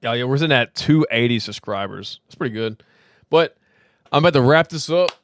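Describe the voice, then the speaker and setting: A man's voice: medium pitch, animated, fairly quick, no echo, clean studio sound. A man hosting a casual crypto livestream, slightly tipsy and slurring, rambling, swearing and laughing as he chats. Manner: loose, rambling, swears freely, laughs often.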